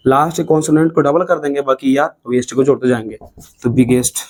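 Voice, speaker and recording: A man's voice: medium pitch, flat delivery, fast talker, a little mellow. Bihari Hindi man teaching at a board. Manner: repetitive, drills points, stretches words syllable by syllable. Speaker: English grammar teacher. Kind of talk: classroom lesson at a board. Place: classroom with a writing board.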